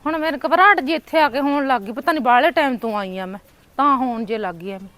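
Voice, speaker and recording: A woman's voice: sits high, quick pace, a bit bright, no echo. A woman with a Punjabi accent acting a daughter in a village short film, wailing and accusing.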